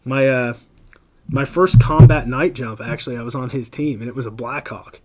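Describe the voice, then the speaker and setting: Against crowd noise, a man in his thirties with a mid-range voice and moderate pace tells army stories as a podcast guest. His casual storytelling is blunt and full of profanity.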